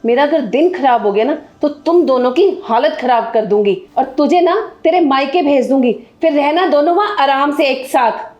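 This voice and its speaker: A woman's voice: sits high, normal speed, few pauses, darkish tone, muffled recording, close to an everyday voice. A woman playing a domineering mother-in-law who scolds and commands her family in a short film. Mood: scolding. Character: harsh domineering mother-in-law, grandmother figure. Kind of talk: Hindi short film acting.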